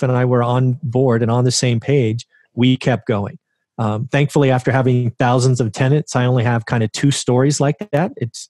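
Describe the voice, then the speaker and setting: A man's voice: medium pitch, darkish tone, no room sound, studio quality. A man in his forties, a guest on an interview show, telling his story conversationally and often tossing in a rhetorical "right?". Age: 40s. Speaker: interview guest, real estate investor.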